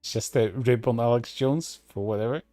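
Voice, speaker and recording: A man's voice: mid-range voice, fairly quick, dark tone, no echo, faint music behind. A man commenting on online posts in a sarcastic, profane way, with many fillers and restarts. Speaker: streamer.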